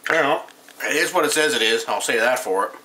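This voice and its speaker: A man in his thirties sits at a table in a small room at home, giving a casual, rambling beer review captured on the camera's mic. His mid-range voice is animated, fast, bright and forceful, and he reads the label aloud in an offhand way. The recording is rough, with slight background noise.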